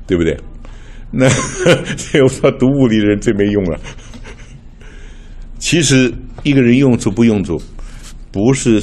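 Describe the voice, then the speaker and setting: Animated older man preaching, lively pitch. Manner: chatty, animated, mixes in English words, frequent laughter. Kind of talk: sermon with personal stories.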